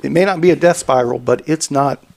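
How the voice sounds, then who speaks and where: A man's voice: on the high side, fairly quick, gravelly. A man who organizes cycling events, chatting casually on a podcast and rambling as he restarts and repeats words.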